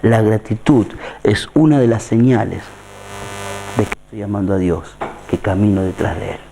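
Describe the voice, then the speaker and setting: A man's voice: on the low side, normal speed, vocal fry, background noise. A man preaching a sermon, who keeps putting questions to his listeners. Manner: asks the listeners repeated questions.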